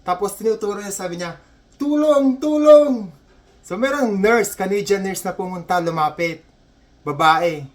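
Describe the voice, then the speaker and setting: A man telling a comedy story in a casual, chatty way, repeating himself and dropping his voice low for asides. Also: moderate pace, a bit bright. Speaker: comedy joke teller.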